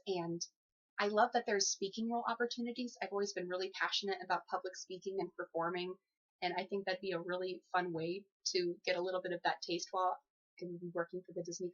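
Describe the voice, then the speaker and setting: This young adult job applicant speaks briskly in a fairly low, slightly bright voice with fairly even intonation. She chats through a phone interview politely and easygoingly, giggling now and then, on a dull lo-fi recording.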